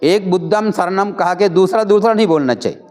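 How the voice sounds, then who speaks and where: A man's voice: high voice, a little fast, a little mellow. A man, a Buddhist monk, giving a Pali pronunciation lesson and patiently repeating and correcting each word.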